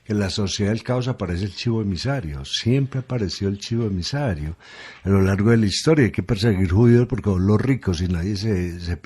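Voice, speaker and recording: A man's voice: sits low, a little mellow, breathy edge. A man, a guest on a radio conversation, reflecting aloud and asking rhetorical questions.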